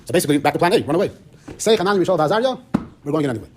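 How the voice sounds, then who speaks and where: Male rabbi, Torah class lecturer: very fast delivery, raised pitch, acts out the story's dialogue. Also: lively intonation, a little hiss or hum. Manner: retells the story briskly, acting out dialogue; mixes Hebrew and Yiddish terms into his teaching.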